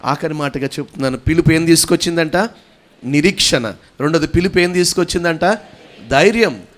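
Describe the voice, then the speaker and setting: Male pastor, fervent sermon with big swings in volume, fairly high voice. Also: fairly quick. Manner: rises to loud fervent calls, then drops low.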